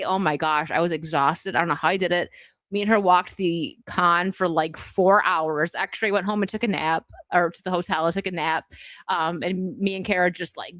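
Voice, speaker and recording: A woman's voice: lowish voice, fairly bright tone, no room sound. A woman hosting a casual livestream chat, talking in a giggly, rambling way full of fillers. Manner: chatty, giggly, many "like" fillers. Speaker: streamer host.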